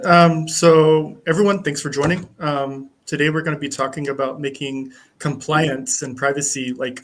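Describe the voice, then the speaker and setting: A man, a guest software engineer, explaining a technical subject in a casual, relaxed way with frequent um fillers. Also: mid-range voice.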